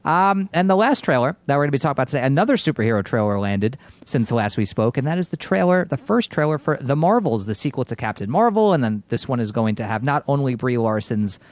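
A man's voice: mid-range voice, very animated, quick pace, hardly any pauses, dry recording. A man hosting a film podcast in casual chat, jokey and sarcastic as he moves the talk along. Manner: jokey, sarcastic, leads the segments. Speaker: podcast host.

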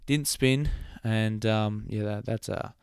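A young man chats through a motorsport podcast with a lowish, gravelly yet smooth voice. He laughs a lot and lets sentences trail off. The sound is close and dry. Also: slow pace, no room sound. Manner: chatty, laughs often, trails off. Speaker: podcast host. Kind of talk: casual motorsport commentary.

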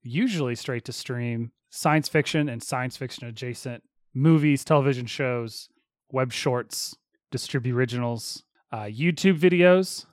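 A man's voice: mid-range voice, measured pace, no echo, clean studio sound. A man hosting a podcast in casual, teasing banter. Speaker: podcast host.

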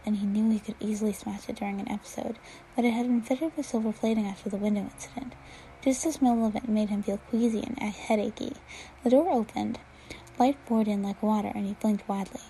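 A woman reading a story aloud with a fairly high but dark, mellow tone. Her reading is steady, with the odd stumble and restart, and a faint hum sits behind her voice. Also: a little fast, low-quality recording. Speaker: reader. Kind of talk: fan fiction read-aloud.

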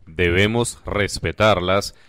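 A young man, reading a mock news report in a brisk formal manner. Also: low voice, steady tone, fairly bright tone, no echo. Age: young adult.

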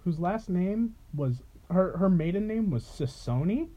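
A man's voice: sits high, animated, measured pace, mellow. A man co-hosting a casual podcast chat, joking, teasing and swearing freely. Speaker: podcast co-host. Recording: dull lo-fi sound.

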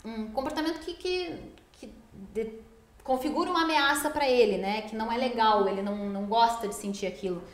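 A woman's voice: a little high, fairly quick. A woman dog trainer explaining behaviour in a podcast, teaching patiently and ending points with tag questions. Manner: didactic, frequent tag questions. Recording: roomy echoey studio room.

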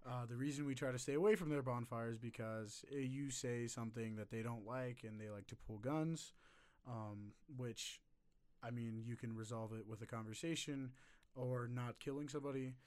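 Young frat bro dude rambling on a podcast, slangy and laid back, average pitch. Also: male voice, normal speed, darkish tone, clean tone. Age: young adult. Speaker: podcast host. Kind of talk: casual chat.

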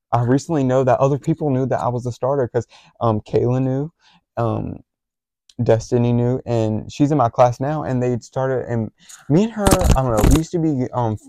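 A man's voice: mid-range voice, warm tone, no room sound. A teenage boy co-hosting a podcast, telling school stories in a rambling way with lots of fillers. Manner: rambling with many fillers and restarts. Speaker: podcast co-host. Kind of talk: casual chat, storytelling.

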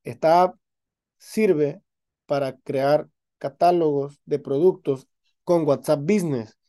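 Man, instructor, online class lecture, high pitch, warm mellow tone, encouraging, restarts often. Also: slow pace. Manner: explanatory, encouraging, many restarts. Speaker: university instructor.

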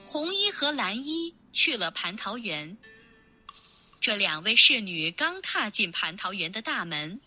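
A woman reads a children's storybook slowly, with a bright, lively voice that rises and falls a lot. Her delivery is clear and expressive, and soft music plays faintly behind her. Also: mid-range voice.

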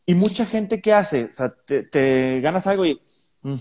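A man's voice: a little high, animated, measured pace, a little mellow. A man with a Mexican accent co-hosting a casual podcast, explaining points and often agreeing with "exactamente". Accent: Mexican Spanish. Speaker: podcast co-host.

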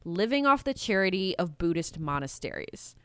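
Sarcastic young woman with a smooth, dry voice. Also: lowish voice, big pitch swings, a bit bright, no room sound. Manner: sarcastic, swears freely, mimics historical figures in quick asides. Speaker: podcast co-host presenting the episode's research. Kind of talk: casual comedic history chat. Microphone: video call.

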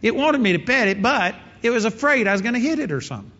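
A man's voice: very high-pitched, sing-song, quick pace, bright, forceful tone. A man preaching a sermon in an earnest, emphatic way, repeating his key phrases. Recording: dull sound in a reverberant hall.

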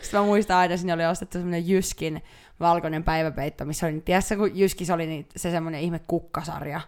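A woman's voice: on the low side, steady tone, darkish tone. A young woman co-hosting a podcast, telling long rambling stories in casual chat with lots of fillers. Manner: rambling, chatty storytelling with many fillers. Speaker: podcast co-host.

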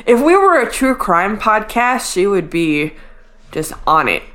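A woman's voice: mid-range voice, big pitch swings, unhurried, a bit bright. A woman co-hosting a podcast, chatting casually as she recaps television. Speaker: podcast co-host.

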